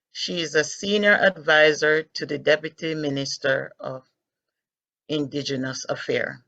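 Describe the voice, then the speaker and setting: A woman's voice: low voice, a bit bright. A woman moderating a conference, carefully reading a speaker's bio with small slips. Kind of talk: introducing speakers. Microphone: video call. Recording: dull lo-fi video call audio.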